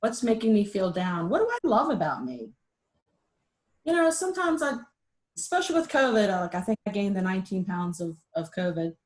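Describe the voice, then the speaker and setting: This middle-aged woman's voice sits in the mid range and moves fairly quickly. She's running an informal, chatty video-call webinar, full of energy and jokes at her own expense.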